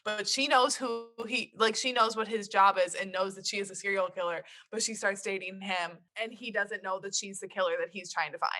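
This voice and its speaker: A woman's voice: mid-range voice, brisk, hardly any pauses. A woman co-hosting a podcast over a video call, upbeat and chatty as she talks through her week. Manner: upbeat and chatty, animated when excited. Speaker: podcast co-host. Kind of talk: casual chat.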